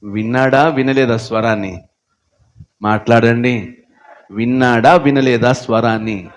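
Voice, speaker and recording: A man preaching a sermon, dropping to low murmurs and rising to shouted appeals, with strings of repeated rhetorical questions. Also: a little slow.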